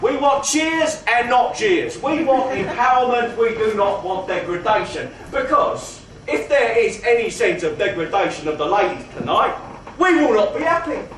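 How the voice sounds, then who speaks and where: A man playing a mock-genteel, faintly menacing gangster compère, delivering comic stage patter with grand words and drawn-out emphasis. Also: high voice, big pitch swings, fairly bright tone. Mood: mock-earnest, faintly menacing. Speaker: burlesque show compère in comedy double act. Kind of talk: live comedy patter addressed to audience. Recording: roomy live venue, distant mic, faint noise.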